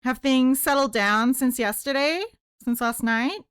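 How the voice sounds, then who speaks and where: A woman with a high, smooth voice hosts a relaxed crochet live stream, chatting and giggling easily with her viewers. The sound is dry and close, with no room echo. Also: measured pace. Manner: giggly, chatty, greets viewers and guests warmly. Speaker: livestream host. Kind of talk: casual chat while crocheting on a live stream.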